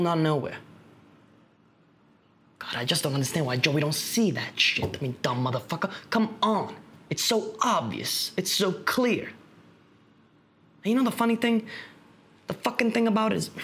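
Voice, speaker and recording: A young man acts out a streetwise New Yorker in a dramatic monologue, bitter and grieving over a friend he has lost. He talks in rough, profane street slang and is quick to flare up. His voice sits at an ordinary middle pitch. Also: pushed and bright, exaggerated voice. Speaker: actor in a stage monologue.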